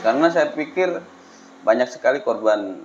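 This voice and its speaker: A man's voice: medium pitch, expressive, moderate pace. A man hosting a casual chat in a jovial, agreeable way, often repeating his words. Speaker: interview host. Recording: dull lo-fi audio with background noise.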